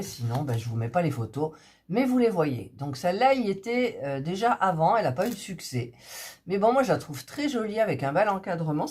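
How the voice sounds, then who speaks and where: A sick woman with a lowish voice coughs as she chats casually with her subscribers, showing off diamond painting kits as a hobby vlogger. She sounds hesitant and uses many fillers, with slight background noise in the recording.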